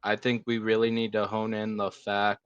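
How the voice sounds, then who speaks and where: A man plays a police officer in a game roleplay, patiently pressing the same argument again and again. His voice is low and smooth, with very little rise and fall. It sounds dry and close, with no room behind it. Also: completely flat delivery, moderate pace, no room sound, lo-fi sound. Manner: earnest, repeats his point.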